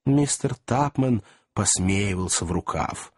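Husky guy reading an old novel out loud, really lively pitch. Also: slow, dry recording, studio quality. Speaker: audiobook narrator. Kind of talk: expressive storybook narration.

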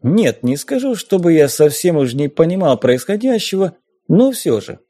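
A man narrating an adventure audiobook in the first person, measured and unhurried. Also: a little high, dry recording. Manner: slow, measured, lively intonation.

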